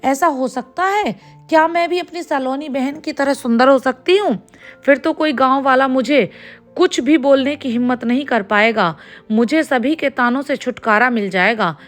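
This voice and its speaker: A young village woman in a storybook, emotional and pleading, with a quick temper, as a woman narrator voices her. Her voice is high, with gentle music behind. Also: close to an everyday voice.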